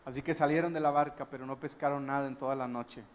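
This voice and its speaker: A man's voice: mid-range voice, steady tone, fast. A man preaching a sermon as a guest pastor, retelling a story emphatically and breaking into wondering exclamations.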